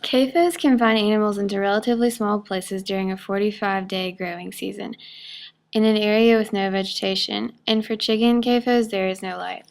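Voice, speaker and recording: A woman with a medium-pitched voice narrates a scripted infomercial. She presents in an expository manner, reading her lines aloud to the viewer. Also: fairly even intonation, brisk.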